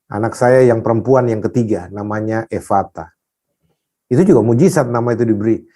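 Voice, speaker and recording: A pastor telling a dramatic personal testimony in an interview, animated, rising at times to loud prayer. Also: male voice, lowish voice, brisk.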